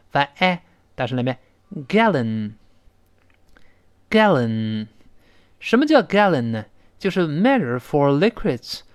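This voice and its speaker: Lively male English pronunciation teacher. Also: on the high side, dry recording, studio quality. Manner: explains sounds slowly, drilling words aloud. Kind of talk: pronunciation lesson.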